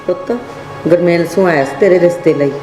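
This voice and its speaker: A woman's voice: fairly low pitch, fairly even intonation, fast, lightly acted. An older woman with a Punjabi accent, acting an insistent mother who keeps urging her son to remarry. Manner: insistent, scolding. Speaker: nagging mother. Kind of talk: village drama acting. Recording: echoey room with loud background music.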